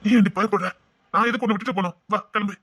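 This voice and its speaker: A woman's voice: medium pitch, steady tone, very fast, a bit bright, husky, voice pushed down. A woman doing a protective young cartoon husband. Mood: tender. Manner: reassuring, firm.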